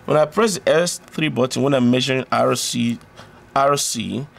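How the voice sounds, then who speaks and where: Explaining an electronics project one step at a time, this medium-pitched man speaks with vocal fry. He's casual and hesitant, repeating himself and correcting his own mistakes.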